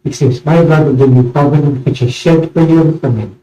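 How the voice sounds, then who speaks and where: A man serving as priest, reciting a eucharistic prayer solemnly in measured, short phrases, in a large reverberant church. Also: fairly high pitch, fairly even intonation, dark tone, soft background music. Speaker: priest celebrating communion. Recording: echoey church, distant mic, muffled sound.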